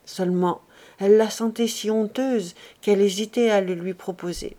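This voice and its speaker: Mellow-voiced woman reading a classic novel. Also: mid-range voice. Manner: measured, expressive reading. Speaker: audiobook reader. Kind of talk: audiobook narration of a classic novel.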